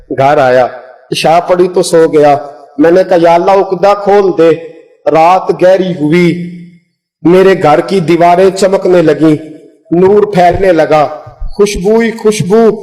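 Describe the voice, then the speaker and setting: A man preaching a devotional story, his voice rising high when he quotes people and breaking into sung verse. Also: takes it slowly, warm tone, poor audio.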